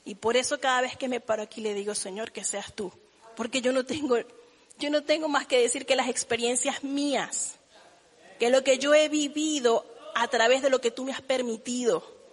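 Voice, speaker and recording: A woman preaching a sermon, earnest and testifying, swinging between loud passages and hushed ones. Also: high-pitched, fairly even intonation, normal speed. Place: church hall. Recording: echoey church hall.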